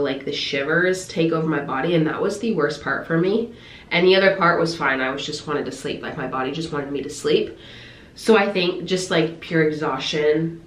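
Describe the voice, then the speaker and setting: A congested woman vlogger with a somewhat low voice, talking in a loose, rambling way full of fillers. Steady background noise sits under her voice throughout. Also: echoey room. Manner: chatty, rambling with many fillers. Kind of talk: casual vlog chat. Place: car, then home.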